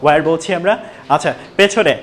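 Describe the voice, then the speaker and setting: A man's voice: fairly high pitch, moderate pace, fairly bright tone. A man teaching spoken to a classroom, asking questions and calling on students. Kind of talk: classroom teaching, mixing Bengali and English.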